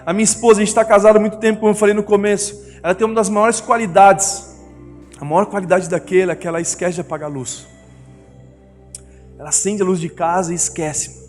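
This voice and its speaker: High-voiced Brazilian pastor in echoing hall. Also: male voice, steady tone, fast talker. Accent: Brazilian Portuguese. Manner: storytelling, acts out family voices. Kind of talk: sermon. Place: church hall. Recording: long reverb of a church hall with music.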